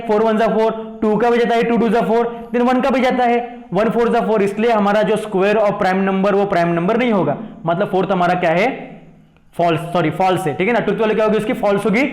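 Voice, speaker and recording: A fast-talking man with a high, steady voice and an Indian accent gives a maths lesson, and the room sounds roomy. Mixing Hindi and English, he frequently questions his students to check understanding, repeating himself and coaxing "thik hai na".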